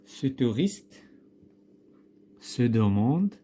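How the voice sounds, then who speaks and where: A man's voice: medium pitch, big pitch swings, extremely slow, mellow, slight background noise. A man with a Moroccan accent teaching a grammar lesson, patient and step by step, quizzing a pupil and spelling words out letter by letter. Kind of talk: recorded classroom grammar lesson.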